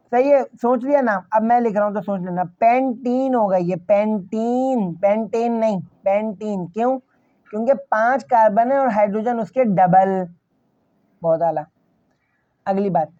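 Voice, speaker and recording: A man with a very high-pitched yet dark-toned voice teaches a chemistry class, posing questions and then answering them himself. He repeats key points and talks directly to his students. The recording has no room sound and the highs are cut off.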